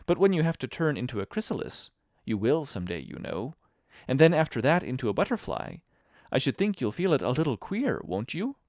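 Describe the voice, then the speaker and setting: A man's voice: mid-range voice, big pitch swings, a little fast, darkish tone, no echo, clean studio sound, voice pushed up. A man voicing a polite, puzzled young girl who speaks shyly and earnestly in an audiobook reading. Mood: indignant. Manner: shy, earnest, a little flustered.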